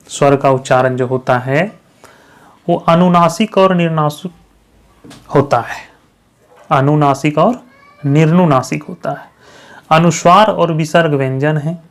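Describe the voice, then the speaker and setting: Male grammar tutor, somewhat higher-pitched, quizzing his viewers and checking in with them often. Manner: repeats questions to the viewers and answers them himself; checks understanding with frequent "thik hai". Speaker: teacher. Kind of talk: grammar lesson for exam candidates.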